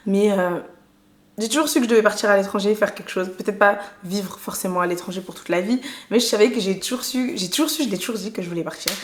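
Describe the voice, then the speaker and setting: A young woman talks to her camera in a loose, slangy vlog ramble, restarting her sentences as she goes. Her voice sits in a middle pitch. The room around her gives it a noticeable echo. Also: fast talker. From France. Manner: chatty, slangy, full of restarts and fillers. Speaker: vlogger. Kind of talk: casual chat to camera. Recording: echoey room.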